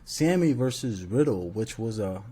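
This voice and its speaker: A man's voice: lowish voice, lively intonation, normal speed, mellow, slightly rough. Laid-back slangy male podcast co-host. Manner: laid-back slangy banter, laughs often. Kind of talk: casual chat.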